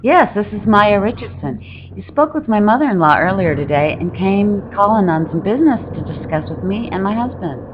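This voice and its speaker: A woman's voice: medium pitch, expressive, moderate pace, noisy background, close to an everyday voice. A woman voicing a cold, threatening young wife who talks curtly and with hostility over a phone call. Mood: stiff. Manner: curt and hostile. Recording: dull, tinny phone line.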